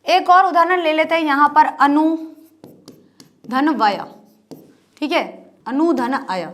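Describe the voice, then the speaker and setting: A woman's voice: high-pitched, slow pace, fairly bright tone. A woman teacher explaining a grammar lesson step by step, often repeating points as rhetorical questions. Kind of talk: Hindi grammar lesson at a board.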